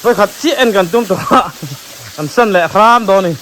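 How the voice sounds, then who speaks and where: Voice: medium pitch, moderate pace, a bit bright. Chatty voice over sizzling water noise. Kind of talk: casual chat while out in the field. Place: outdoors near water. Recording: noisy outdoor recording, running water.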